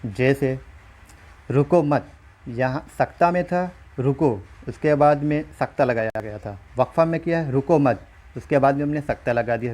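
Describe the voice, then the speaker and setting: A man with a mid-range, darkish voice teaches an online exam-prep lesson, explaining step by step and often checking in with listeners. He was recorded while writing on a screen.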